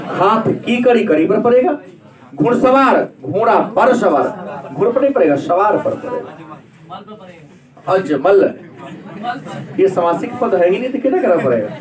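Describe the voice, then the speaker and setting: A man teaching Hindi grammar in a classroom lecture, asking the class questions and then answering them himself. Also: sits high. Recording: echoey room, mic far off.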